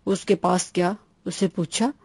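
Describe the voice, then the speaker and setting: A woman narrating a children's bedtime story in a plain, even-paced reading voice. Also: on the low side, slightly rough, no room sound, clean studio sound.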